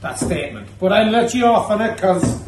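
High-voiced and expressive, he talks a little fast, picked up by a mic placed far away in an echoey indoor pub with faint noise. He's a man in his thirties with a Cork Irish accent, hosting a tasting show full of cheeky, teasing banter and freely dropped swear words.

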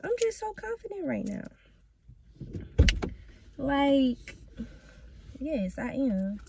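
A woman's voice: sits high, very animated, extremely slow, creaky, background noise. A woman chatting casually to camera in a vlog, laid-back and slangy, blunt and brash when she calls people out. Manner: laid-back, slangy, says "y'all" and "or whatever" a lot. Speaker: vlogger. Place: at home, eating while filming.

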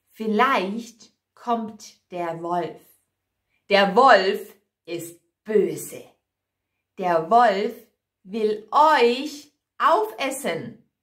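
A woman's voice: fairly high pitch, fairly bright tone, heavily acted. Woman playing a firm, caring mother goat. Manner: firm, slow and emphatic. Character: caring mother goat warning her kids. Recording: echoey room.

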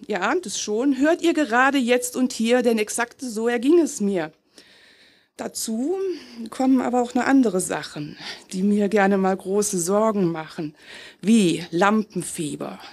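A woman performs her own slam poem on a festival stage. Her voice sits a little high and sounds husky. She rides the rhymes with a rhythmic, self-mocking delivery. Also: a little mellow. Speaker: slam poet.

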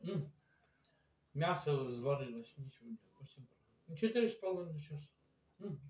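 A man vlogging a meal, talking slowly with his mouth full while he chews. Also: fairly high pitch, expressive, darkish tone. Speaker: mukbang vlogger. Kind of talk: casual eating vlog. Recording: roomy, from far off the mic, faint noise.

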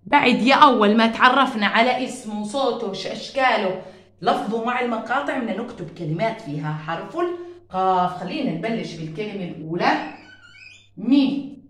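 A woman's voice: mid-range voice, animated, fairly quick, a bit bright. A woman teaching a first-grade class, drawing out syllables in a sing-song drilling voice. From Jordan. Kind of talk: classroom phonics lesson. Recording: very echoey room.

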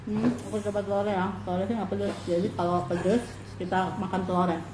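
A woman's voice: medium pitch, fairly even intonation, a little fast. A woman chatting casually and teasingly while eating on a mukbang video. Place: small hard-walled indoor room at a table. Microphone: camera a short distance away. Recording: echoey room with background noise.

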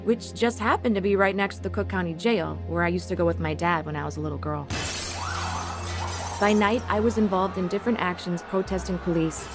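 With a fairly low pitch and a brisk pace, the actress sounds close to her everyday voice as she narrates and plays a rebellious, angry young woman. This reflective moment in the first-person radio drama is set against background music.

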